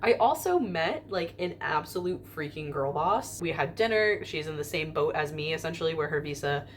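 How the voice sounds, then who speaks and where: Young woman, slightly low, rambly self-filmed vlog, faint terminal hum behind. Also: animated, normal speed. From United States. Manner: rambling, with many fillers and restarts. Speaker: vlogger. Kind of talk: casual storytime to camera. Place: indoor airport terminal. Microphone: camera filming herself in front of a window.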